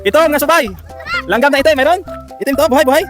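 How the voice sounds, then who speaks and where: A man hosting games for schoolchildren outdoors, coaxing and counting down with animated energy. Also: extremely high pitch, racing, soft background music. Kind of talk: lively outdoor game hosting.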